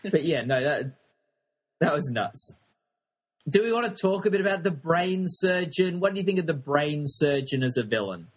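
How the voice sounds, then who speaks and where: A man co-hosts a casual podcast, weighing in with dry criticism. He speaks hesitantly and often restarts his sentences. His voice is husky and a little high. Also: lively intonation, moderate pace. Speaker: podcast co-host. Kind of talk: casual review chat.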